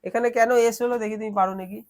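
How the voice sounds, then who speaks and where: A man's voice: high-pitched, fairly even intonation, very fast, a little mellow. A man teaching a grammar lesson in a classroom, explaining step by step and quizzing his students as he goes.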